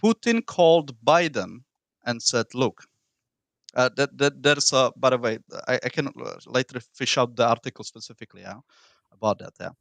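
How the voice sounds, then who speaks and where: A man who is not a native English speaker, with a foreign accent and rolled r's, argues in an informal political debate, often halting and repeating words. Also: mid-range voice, lively intonation, vocal fry, a bit bright, no echo. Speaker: debate participant.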